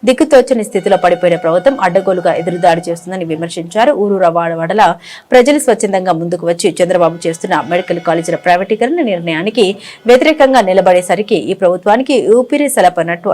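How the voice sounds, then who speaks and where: A woman reading a news report in a brisk, even manner. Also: on the low side. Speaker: news reader. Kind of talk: news narration.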